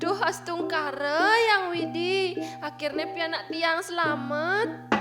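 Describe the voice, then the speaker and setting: Man doing a shrill, slow worried Balinese mother. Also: steady tone, music in the background. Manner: worried, questioning. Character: anxious young village mother.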